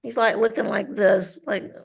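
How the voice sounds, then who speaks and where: A woman working as a medium, relaying a spirit's messages in a halting way, often repeating words. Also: medium pitch, steady tone, creaky. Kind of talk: mediumship reading.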